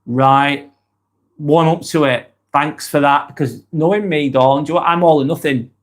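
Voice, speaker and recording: Chatting casually on his livestream, this East Lancashire, England, vlogger reads out viewer comments in a Lancashire accent. He rambles with frequent ums and restarts, speaking at normal speed in a voice that is a little high.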